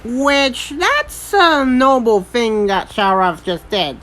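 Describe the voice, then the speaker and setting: A woman's voice: on the high side, expressive, slow pace, fairly bright tone, rough recording. A woman chatting as a co-commentator, hesitant and searching for her words. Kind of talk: casual commentary chat.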